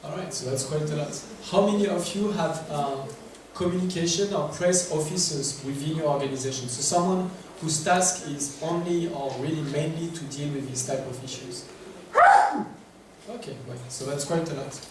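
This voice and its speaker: A French-accented man with a voice on the high side delivers a conference workshop presentation in English at a moderate pace. He stumbles through fillers and hesitations and poses questions to attendees, recorded from afar in an echoey, noisy, spacious room.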